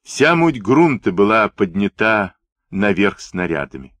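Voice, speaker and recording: A man narrating a book in an expressive, dramatic storytelling manner on a close mic. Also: fairly low pitch, unhurried, no echo. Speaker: audiobook narrator.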